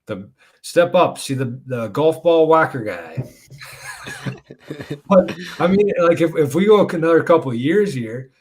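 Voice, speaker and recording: A man's voice: on the high side, lively intonation, unhurried. A man co-hosting a live golf podcast, chatting casually with friends, rambling and swearing with lots of filler words. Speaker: podcast co-host. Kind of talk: casual chat.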